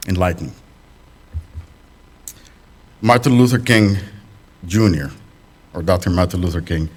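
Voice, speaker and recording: A man with a deep, low voice addresses a congregation as a guest speaker. He talks in an unhurried way, pausing on fillers and restarting phrases. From Sudanese family, raised in the UAE. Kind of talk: talk at a congregation. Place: fellowship hall.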